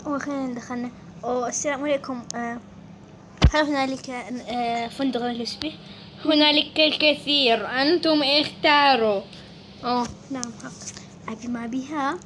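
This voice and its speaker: A woman's voice: high-pitched, steady tone, a little fast, background noise. A woman voicing family characters in a playful dollhouse game role-play.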